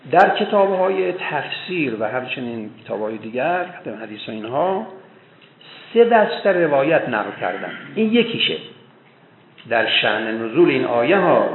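A man's voice: mid-range voice, gravelly, slight background noise. A man giving a scholarly religious lecture on hadith, talking with emphatic bursts where his voice rises. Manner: emphatic, voice rising in bursts for stress. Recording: echoey, tinny phone-like sound.

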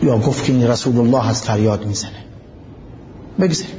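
A man's voice: medium pitch, in a large hall, lo-fi sound, noisy background. A man giving a religious lecture who recites Arabic passages, explains them and puts questions to his listeners. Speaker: preacher.

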